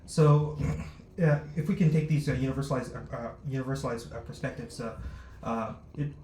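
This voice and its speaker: A man's voice: medium pitch, a little mellow. Startup founder, male, hesitant and filler-heavy, recorded in a roomy space. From born in Luxembourg, raised abroad. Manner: halting, many fillers and restarts. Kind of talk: interview answers. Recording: roomy echo, faint noise.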